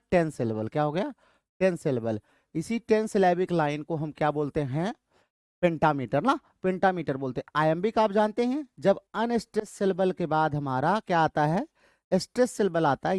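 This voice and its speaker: A man teaching English literature to students, reading quiz options slowly and explaining briskly, calling them children. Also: on the high side, a little mellow, no room sound, studio quality. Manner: addresses students as bachhon and beta, urges quick answers. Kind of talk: quiz lesson in Hindi mixed with English.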